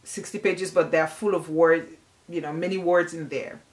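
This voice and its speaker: A woman's voice: on the low side, fairly even intonation, moderate pace. A woman, giving an earnest, emphatic book review in a casual vlog. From Congo. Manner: earnest, emphatic, repeats herself while thinking. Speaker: book vlogger.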